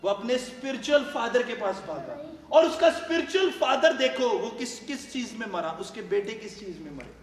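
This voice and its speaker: A man with a very high voice preaches a fervent sermon. He fires questions at his listeners and bursts into shouts for emphasis. He sounds far from the mic, with a long echo in a large hall. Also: very animated. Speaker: pastor.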